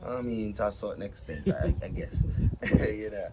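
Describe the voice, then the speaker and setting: A young man with a very deep voice talks in a relaxed, easygoing way as a guest, often dropping in "yeah, man" between thoughts. A loud background hiss sits under his speech throughout. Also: normal speed. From Saint Vincent and the Grenadines. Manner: laid-back, many fillers and "yeah, man". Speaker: DJ and event promoter guest. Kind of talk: casual interview chat.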